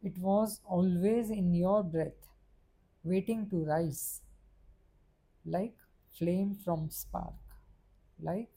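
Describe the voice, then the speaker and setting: A woman narrating a guided meditation in a soft, gentle, unhurried way. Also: on the low side, husky, poor audio.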